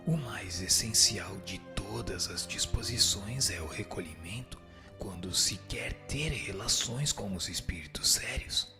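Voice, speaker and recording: With background music playing beneath him, a Brazilian-accented man voices a solemn spirit in a radio drama, giving instructive, formal answers. His delivery is low, creaky, animated, and slightly slow.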